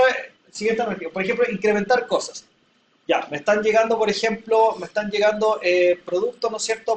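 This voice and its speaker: Recorded at a distance in a reverberant classroom, a high-pitched man gives a lecture, explaining patiently through everyday examples and frequently making sure his students keep up. There's a faint hiss or hum.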